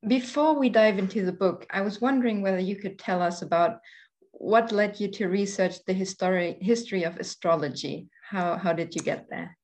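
A young woman hosting an academic podcast, reading a measured, formal introduction and asking questions. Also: mid-range voice, a little mellow. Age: young adult. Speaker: podcast host. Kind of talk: scripted introduction and interview questions.

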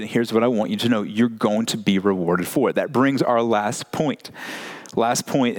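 A man preaching a sermon to a church congregation in a lively, conversational way, often saying "like". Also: mid-range voice. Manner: animated, conversational, frequent "like" fillers. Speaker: pastor.

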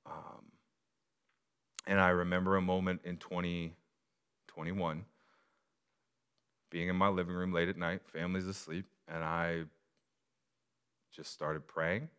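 A man's voice: deep voice, flat delivery, a little slow, pauses often, a bit bright, clean tone. A man, a pastor, preaching a personal sermon in an earnest, confessional way that builds to emphatic repeated phrases.

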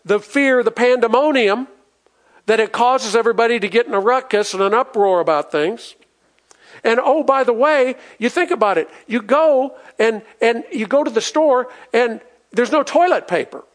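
A pastor preaching a sermon to his congregation, reading scripture aloud and asking the people questions. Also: very high voice. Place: church in front of a congregation.

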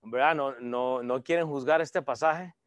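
A man's voice: mid-range voice, unhurried, no room sound. A man preaching a conversational sermon to an online audience, reading verses aloud and joking with viewers. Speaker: pastor.

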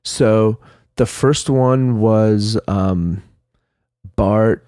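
Casting: nasal man, mellow tone, relaxed rambling chat. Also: fairly low pitch, very slow, no echo, clean studio sound. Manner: rambling, chatty, many fillers. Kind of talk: casual chat.

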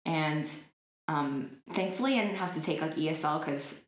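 This interview guest, a woman in her twenties, talks at a moderate pace in a low female register, her casual chatter full of "like" and "um." The recording sounds roomy, with clear echo from the open space around her.

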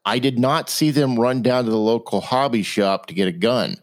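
A man co-hosting a political talk show, arguing in an incredulous, animated way. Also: moderate pace. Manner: incredulous, animated, rising to high exclamations. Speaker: co-host.

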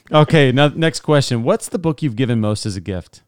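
A man's voice: mid-range voice, animated, moderate pace, clear, resonant tone, no room sound. A man co-hosting a podcast interview, upbeat and encouraging, laughing easily. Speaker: podcast co-host. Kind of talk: casual interview chat.

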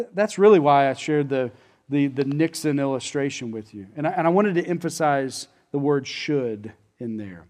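Pastor, male, slightly high voice; conversational, emphatic sermon delivery. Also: a little mellow. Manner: earnest, conversational preaching with frequent restarts and emphatic pauses.

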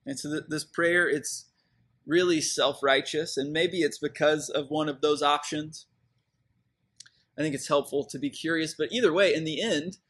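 A man's voice: on the high side, fairly bright tone, husky. A man, preaching a sermon in a conversational, reflective way with fillers and restarts. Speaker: pastor.

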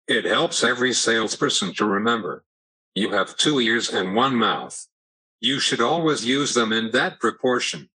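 A synthetic male computer voice giving a scripted, measured, instructional explanation as a podcast guest. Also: lowish voice, pushed and bright, breathy edge, low-quality recording. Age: 70s. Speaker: podcast guest, sales trainer.

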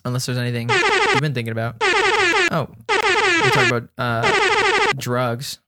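A man's voice: very high voice, wildly swooping pitch, a little slow, over loud music. A man hosting a podcast, chatting casually and rambling with lots of fillers and jokes. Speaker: podcast host. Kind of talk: casual chat.

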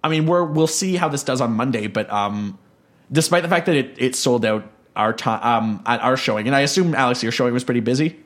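A man's voice: medium pitch, fairly quick, a bit bright. A young man co-hosting a podcast in casual chat, rambling and self-deprecating with lots of fillers. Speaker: podcast co-host.

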